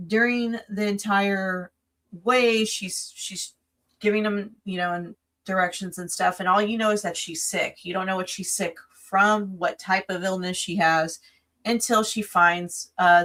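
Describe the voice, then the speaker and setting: Woman, podcast co-host, casual chat, rambling, restarts a lot, sleepy late-night tone, mid pitch. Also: fairly bright tone. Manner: rambling, many restarts and fillers, recapping a film plot. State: yawning, tired from recording late.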